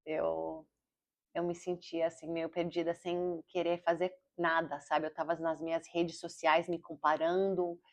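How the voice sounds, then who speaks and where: A Brazilian-born woman in her forties with an American-accented Portuguese, talking fast and rambling with self-corrections in a casual video diary. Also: deep voice, little pitch movement. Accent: Portuguese with an American English accent. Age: 40s. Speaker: vlogger and comedian. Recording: slightly dull lo-fi audio.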